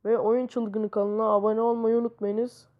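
A woman's voice: a little high, level tone, normal speed, phone-quality sound. A woman hosting a gaming channel, giving casual commentary as she plays and breaking into exasperated exclamations. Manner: exasperated exclamations while playing.

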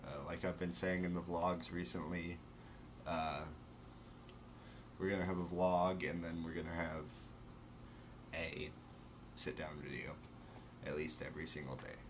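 A young adult vlogger speaks in a low, steady voice at a measured pace, with long pauses and a noisy background. He's doing a casual news chat seated in his small bedroom indoors, camera close to his face. His manner is enthusiastic and chatty, thick with fillers.

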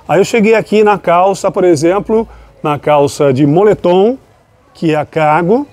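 A man with a slightly high voice hosts a market vlog. He walks along a busy outdoor street at night, filming on a handheld phone. He keeps up a chatty, upbeat patter aimed at his viewers. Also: moderate pace, a little mellow. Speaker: shopping vlogger touring a street market. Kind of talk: walking market vlog with vendor chat. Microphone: handheld phone camera.

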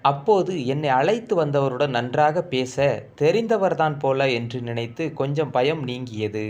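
A man's voice: mid-range voice, animated, measured pace, a little mellow. A man narrating a first-person story in a solemn, emotional reading.

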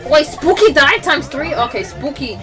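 High, excitable woman streamer. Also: normal speed, crowd noise. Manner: excitable, giggly, switching between English and Spanish. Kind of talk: live game stream commentary. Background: loud game music.

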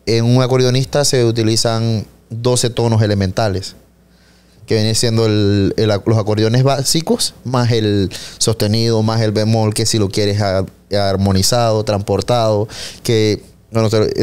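A man's voice: fairly low pitch, a little mellow, clean tone. A man with a Las Tablas accent from Panama, explaining his accordion as an interview guest. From Panama, Los Santos. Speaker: accordionist, duo musician.

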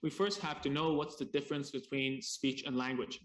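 A man presenting a seminar as a speech therapist, explaining in short chunks over a video call and pausing for an interpreter, with casual asides. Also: mid-range voice, fairly even intonation. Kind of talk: seminar talk paused for interpretation.

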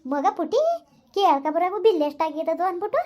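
A woman's voice: extremely high pitch, fairly quick, a little mellow. A brusque village woman, played by a woman, snaps her orders. She talks in a bossy, scolding way. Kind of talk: village comedy skit.

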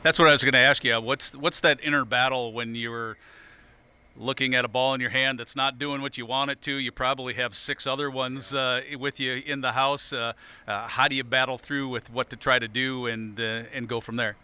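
Male TV sports host, upbeat and laughing easily; very bright, crisp, clear delivery. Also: mid-range voice, fairly even intonation, a little fast. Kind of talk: post-tournament interviews and trophy presentation.

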